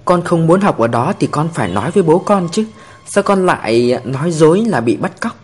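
A man voicing a patient, firm female police officer, speaking calmly and earnestly. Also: fairly high pitch, a little fast, breathy edge.

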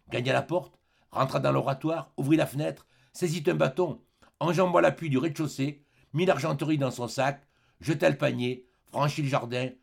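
A man reading a classic novel aloud as an audiobook, with measured, expressive storytelling. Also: mid-range voice, vocal fry, breathy edge. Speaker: audiobook reader. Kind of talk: literary audiobook narration.

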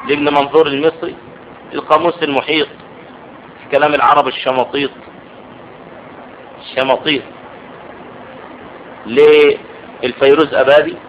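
A man teaching grammar in a classroom lesson, explaining step by step and often checking that his students follow. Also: mid-range voice. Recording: dull lo-fi audio with faint noise.

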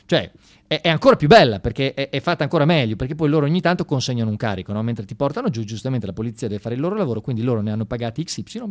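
This radio storyteller has a mid-range, slightly mellow voice. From the studio he gives an informal satirical monologue aimed straight at his listeners, using colloquial phrasing with an ironic, mock-enthusiastic edge.

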